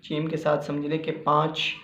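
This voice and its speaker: A man from Pakistan teaching Quran reading in a slow spoken lesson, patiently repeating each point and sounding out the letters. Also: a little high, completely flat delivery, a bit bright, slight background noise. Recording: muffled echoey room recording.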